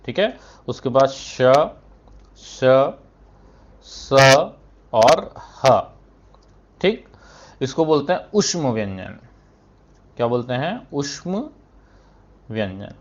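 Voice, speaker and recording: This male Hindi teacher has a mid-range voice with big pitch swings and drawn-out words, pausing often as he explains step by step. He asks questions and answers them himself, sprinkles "thik hai" between phrases and occasionally clears his throat, with the recording's highs cut off.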